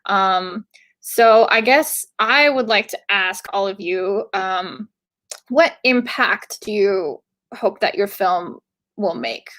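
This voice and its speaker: A woman's voice: mid-range voice, slow pace, a bit bright. A woman from Bulgaria moderating a filmmaker Q&A, speaking hesitantly with many fillers. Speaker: festival Q&A moderator.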